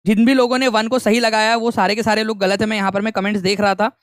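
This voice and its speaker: A man's voice: sits high, flat delivery, quick pace, no room sound. Young guy teaching an online exam class, chatty and repetitive, dry close sound. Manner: conversational, repeats key points, mixes English phrases. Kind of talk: online lecture.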